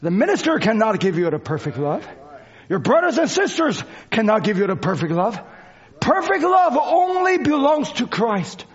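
A man's voice: extremely high pitch, big pitch swings, normal speed. A man preaching a church sermon in non-native English phrasing, exhorting and repeating his phrases with fervor. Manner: repetitive, exhorting, swinging between shouts and quieter talk. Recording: dull lo-fi sermon recording.

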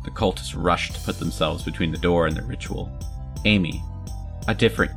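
Deep, gravelly male storyteller. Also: fairly even intonation, brisk, a bit bright, soft background music. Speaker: narrator. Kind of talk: audiobook story reading.

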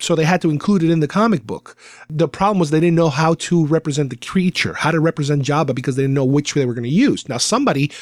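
A man's voice: on the high side, dry recording. A man hosting a podcast with casual, rambling hobbyist commentary. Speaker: podcast host.

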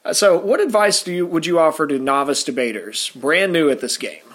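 A man with a somewhat high voice hosts a talk podcast. He interviews a guest casually and then wraps up the show, tripping over and repeating words as he gets going. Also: animated, fairly bright tone. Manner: halting, repeats words when starting sentences. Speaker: podcast host.

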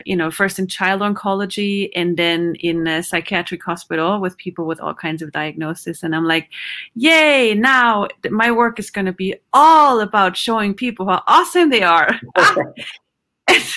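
A woman's voice: mid-range voice, sharp tone. A middle-aged woman from Austria, a psychologist, talking animatedly in an interview, laughing often and searching for words. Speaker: psychologist guest. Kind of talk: conversational interview.

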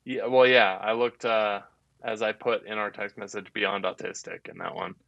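A man's voice: lowish voice, steady tone, moderate pace, creaky, a bit bright, dull audio. A young man co-hosting a podcast in casual chat, teasing and blunt with his friend. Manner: teasing, blunt, laughs easily. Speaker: podcast co-host.

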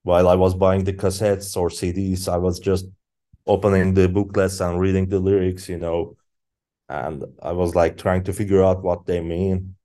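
A man, a podcast guest speaking English as an in halting casual talk with many fillers. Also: deep voice, level tone, warm tone. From Turkey. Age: 30s. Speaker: guest musician. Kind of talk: casual interview chat.

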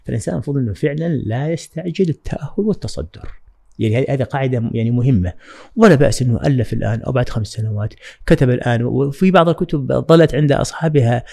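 Fast-talking man with a dark tone. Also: mid-range voice, vocal fry. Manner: measured, reflective, with frequent hesitations. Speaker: guest, writing trainer. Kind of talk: podcast interview.

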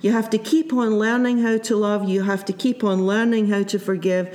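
A man preaching a sermon in a reflective, measured way. He circles back to his main points and repeats them for weight, now and then slipping into the voices of the people he quotes. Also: high-pitched, flat delivery, a little mellow. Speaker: pastor.

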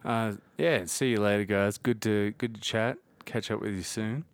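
A man's voice: on the low side, steady tone, normal speed, dry recording. An Australian man chatting casually as a podcast guest, dry and laconic, with blokey Aussie slang. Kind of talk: casual comedic chat.

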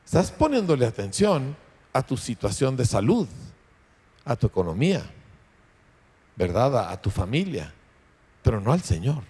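Pastor preaching in a reverberant hall. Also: male voice, medium pitch, big pitch swings, moderate pace, pauses often, mellow, husky. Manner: conversational preaching with frequent rhetorical "¿verdad?". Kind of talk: sermon.

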